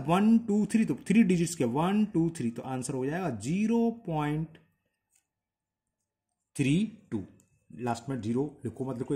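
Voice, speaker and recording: A man's voice: on the high side, warm tone. A man working through textbook maths exercises aloud as a teacher, counting decimal places and checking in with his students.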